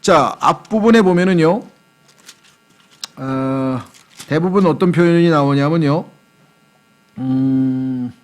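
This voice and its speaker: A man's voice: a little high, slow pace, pauses often. A man who is a pastor, preaching an expository Bible sermon in a conversational, joking way and mimicking accents. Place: church.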